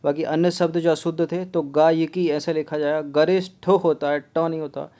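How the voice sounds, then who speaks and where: Teacher guy going through spelling questions, bit high-pitched, repeats each word twice. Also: flat delivery, dark tone, clean tone. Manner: repeats words slowly to drill spelling; explains step by step, often says 'theek hai'. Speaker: exam prep teacher. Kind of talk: Hindi grammar lesson.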